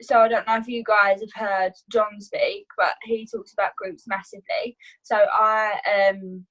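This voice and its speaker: A woman's voice: mid-range voice, flat delivery, a little slow, a bit bright, low-quality recording. A woman talking casually on a video call, sharing her business tips as a guest trainer, chatty, with many fillers and restarts. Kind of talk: casual online training talk.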